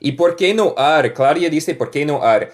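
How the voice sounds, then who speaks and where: Speaking a little slowly in a slightly high, expressive voice, a Michigan man with a Northern US accent teaches a live online class in Spanish and English, where English is his native language. He repeats example sentences with care and names viewers as he thanks them.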